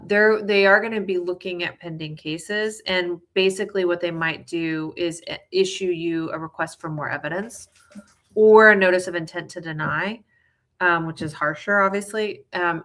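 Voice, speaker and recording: A woman's voice: lowish voice, a bit bright. A woman immigration lawyer answering viewer questions in a casual, explanatory way, with many fillers and a reassuring tone. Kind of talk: live viewer Q&A.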